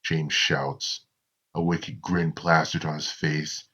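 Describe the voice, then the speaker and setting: A man narrating a horror story in a slow, deliberate storytelling manner. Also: rumbling low, level tone, bright, forceful tone, husky.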